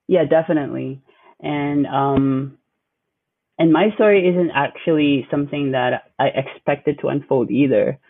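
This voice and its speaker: A man's voice: on the high side, measured pace, long pauses, a little hiss or hum. A young man from the Philippines, a graduate student, answering interview questions hesitantly with many fillers. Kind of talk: casual interview. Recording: dry tinny phone-like line.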